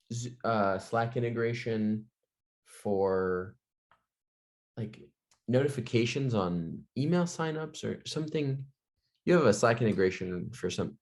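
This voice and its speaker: A man with a very deep voice co-hosting a relaxed podcast. He talks in halting bits, pausing on "um" and "like" as he gathers his thoughts. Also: creaky. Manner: hesitant, halting, many "um" and "like". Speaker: podcast co-host. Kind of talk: casual conversational podcast chat.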